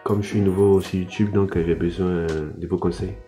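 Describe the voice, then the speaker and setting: A man's voice: low voice, level tone, fairly quick, warm tone, faint music behind. A young French man reviewing anime casually, hesitant, with frequent fillers and restarts. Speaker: anime YouTuber.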